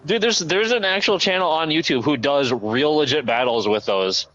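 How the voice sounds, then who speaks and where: A man's voice: a little high, normal speed, bright, forceful tone, highs cut off. A man streaming a game, chatting casually and laughing as he rambles. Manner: laid-back, rambling, laughs often. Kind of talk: casual chat while gaming.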